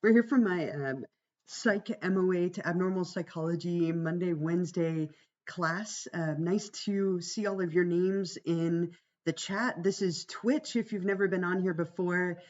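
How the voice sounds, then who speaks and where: A woman instructor with a gravelly voice, worn by a cold and a week of talking, giving an informal, reassuring class orientation on a livestream. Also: on the low side, a little slow, a little mellow, lo-fi sound. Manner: reassuring, conversational. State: fighting a cold, voice strained from much talking. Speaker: college psychology instructor.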